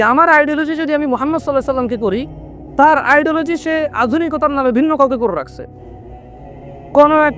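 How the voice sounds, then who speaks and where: A young man preaching a sermon in an animated way, slipping English words into his talk and lowering his voice when he quotes others. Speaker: Islamic preacher. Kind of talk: waz sermon.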